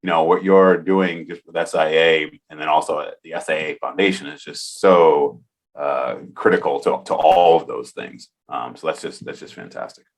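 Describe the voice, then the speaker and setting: A man's voice: extremely low pitch, fairly even intonation, normal speed. A man in his forties hosting a podcast interview, talking earnestly and enthusiastically as he thinks aloud. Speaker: podcast host. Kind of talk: casual interview conversation.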